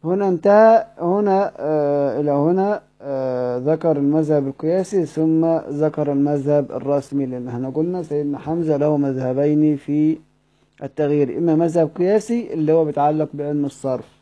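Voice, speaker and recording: Egyptian male recitation teacher, very dark mellow tone, muffled lo-fi lesson tape, quizzing the class. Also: on the high side. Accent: Egyptian Arabic. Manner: asks the class questions and repeats words slowly. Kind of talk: explaining a poem line by line.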